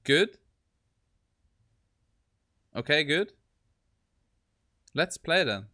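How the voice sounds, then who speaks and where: A man's voice: a little high, sing-song, extremely slow, bright, forceful tone. A man hosting a tech live stream, amused and exasperated as he tests a voice assistant. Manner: amused, exasperated, laughing asides. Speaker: tech livestream host. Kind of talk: casual live-stream testing.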